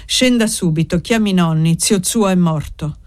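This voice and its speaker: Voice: mid-range voice, moderate pace, clear, resonant tone, lightly acted. A reader voicing a tense young servant woman. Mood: controlled. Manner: calm, curt, held-back. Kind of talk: audiobook reading.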